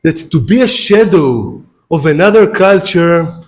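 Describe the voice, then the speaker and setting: Lecturing on philosophy to a university hall as a guest, this Israeli-accented native Hebrew speaker addresses the audience directly. His voice is a little high with lively intonation and a measured pace, and he frequently repeats and restarts his words.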